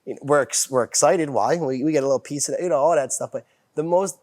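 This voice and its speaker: A man's voice: on the high side, fast, a little mellow. A man guest talking in a casual podcast chat about nightlife work, rambling with restarts and swearing freely. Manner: rambling, profane, many restarts.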